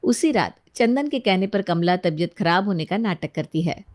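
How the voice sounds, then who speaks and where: A woman narrating a moral cartoon story for children in a plain, even manner. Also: lowish voice, normal speed.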